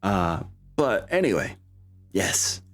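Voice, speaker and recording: Slow and sing-song, this low but slightly bright male voice belongs to a game master and stream host. He keeps things upbeat and informal as he chats casually with his players and viewers.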